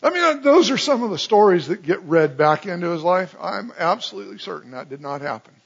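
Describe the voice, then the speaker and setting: Animated preacher man, husky voice. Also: fairly quick, muffled recording. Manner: animated storyteller, swings from loud excitement to hushed low tones. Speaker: pastor. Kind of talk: sermon.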